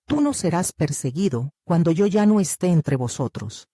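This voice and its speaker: An audiobook narrator reading the lines of a serene male spiritual teacher who speaks in a calm, firm and measured way. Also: mid-range voice, no echo, studio quality, close to an everyday voice.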